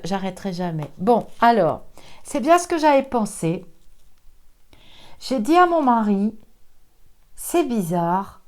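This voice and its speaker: A woman's voice: a little high, darkish tone. A woman, older, giving a chatty psychic card reading, laughing often and sometimes dropping to a whisper. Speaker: psychic reader. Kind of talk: casual tarot reading chat.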